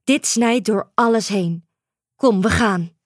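A woman's voice: mid-range voice, slow, no echo, clean studio sound. A woman doing a stern, protective island mother. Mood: resolute.

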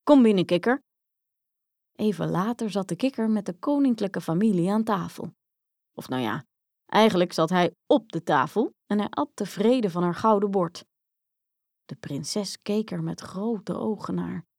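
A woman reading a children's fairy tale aloud in a lively, expressive way. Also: mid-range voice, moderate pace, creaky, dry recording, clean studio sound. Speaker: storyteller. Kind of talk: storybook read-aloud.

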